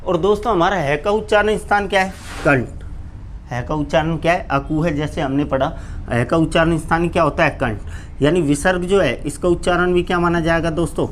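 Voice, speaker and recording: A man with a somewhat high voice teaches Hindi grammar to exam students in a live online class. He keeps asking questions aloud and answering them himself. His answers come out lower and slower than his questions. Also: a little hiss or hum. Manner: keeps repeating "friends" to address students; drops low and slow on each answer.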